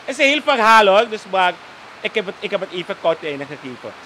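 A man with a Surinamese Dutch accent, holding forth as a guest on a live talk show. His voice sits high and sounds bright and forward, and he keeps asking "toch?" as he talks. A faint hiss runs under him. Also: big pitch swings, fast. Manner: tags nearly every sentence with "toch?", slips into Sranan phrases. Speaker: political commentator guest.

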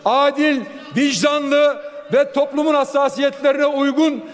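High-voiced man orating at a rostrum microphone. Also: flat delivery, unhurried. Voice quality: forceful, raised, declamatory delivery. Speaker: member of parliament giving a speech. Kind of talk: parliamentary floor speech. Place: large parliament chamber. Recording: long reverb of a large chamber.

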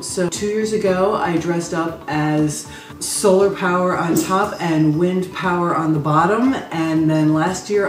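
A woman's voice: lowish voice, darkish tone, recorded from a distance. A middle-aged American woman talking casually to the camera as a vlogger. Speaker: vlogger and charity plunge participant. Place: living room at home. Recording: echoey room, off the mic.

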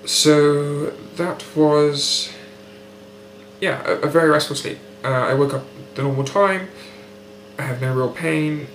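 Speaking on the high side with fairly even intonation, a young British man keeps a recovery video diary, his voice nasal from a nose blocked after surgery. He is articulate, precise and unhurried. He's filmed indoors at home by a window on a close-framed built-in webcam mic, and the room is echoey with a faint hum.

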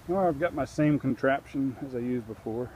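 Heavy background noise surrounds a medium-pitched man talking a little fast as he works on a fence in a wooded backyard. He's a DIY vlogger giving casual how-to narration into his handheld camera mic, speaking practically and filling gaps with fillers while he thinks.

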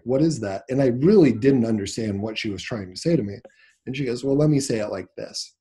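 A man from Nebraska talks casually in an interview, telling a personal story and acting out each speaker's lines as he goes. His voice is husky and mellow. He speaks at a middle pitch. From Nebraska, USA. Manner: animated storyteller, acts out quoted dialogue. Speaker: business owner, interview guest.

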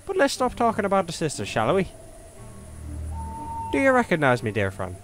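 A man's voice: a little high, wildly swooping pitch, normal speed, fairly bright tone, soft background music, voice pushed up. A man voicing a sly, cheerful skeleton in a top hat with a put-on Irish accent, lilting and theatrical. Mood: persuasive.

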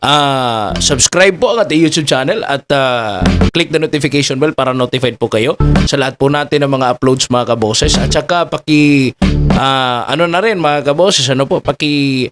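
A man's voice: mid-range voice, normal speed. A Filipino man hosting a political commentary channel, talking casually with many fillers and rhetorical questions to his viewers. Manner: repeatedly addresses listeners as "mga kaboses", filler-heavy, rhetorical "Ha?". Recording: talk with music playing behind.

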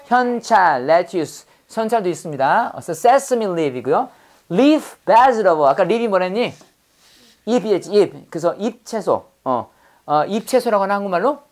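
A woman leads a classroom vocabulary lesson. She is playful and lively, drilling each word aloud and slipping in pun stories with acted-out voices. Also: mid-range voice. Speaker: English teacher.

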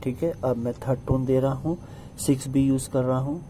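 Brief: man from India as drawing teacher, calm and repetitive, mellow tone, faint background hiss. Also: medium pitch, a little fast. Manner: calm, repeats instructions, addresses students. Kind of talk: step-by-step art tutorial.

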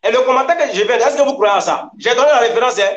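A man with a high voice argues over a video call, lecturing and insistent. He presses his points again and again. His sound carries a noticeable room echo. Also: rapid-fire, a bit bright. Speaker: debater. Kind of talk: heated online debate.

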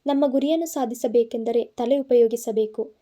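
A woman's voice: fairly high pitch, fairly even intonation, normal speed, mellow, close to an everyday voice. A woman reading the part of an angry, protective young man in an audiobook, scolding and insistent. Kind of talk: audiobook narration.

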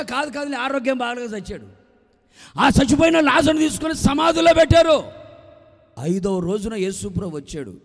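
A male pastor delivers a storytelling sermon, animated and often rising to fervent shouts. His voice sits high for a man. A long hall reverb hangs on every phrase. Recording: echoey live hall reverb.

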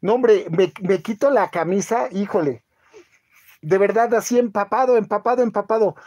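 A man, hosting a casual live-stream chat and telling a halting story full of fillers. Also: high voice, darkish tone. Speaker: channel host.

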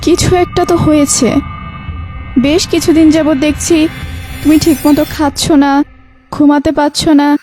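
Brief: actress as a worried young wife in an audio ghost story, very high voice, soft music behind. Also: female voice, flat delivery, unhurried, long pauses. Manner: anxious, pleading questions.

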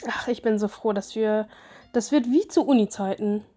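A woman voicing an excited young bride who greets her old friend, reading the lines aloud with a raised, gushing delivery. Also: mid-range voice, normal speed, close to an everyday voice.

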